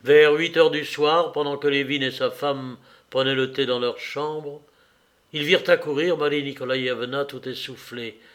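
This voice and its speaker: A man reading a novel aloud as an audiobook, measured and even. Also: mid-range voice. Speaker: audiobook reader.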